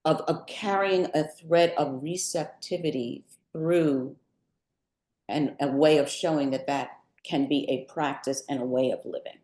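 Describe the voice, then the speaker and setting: Interviewed at a book event, an older poet and artist talks reflectively about her creative work in a low, warm, steady voice. She goes slowly, measured and thoughtful, with deliberate pauses mid-sentence, and the live recording sounds roomy and echoing.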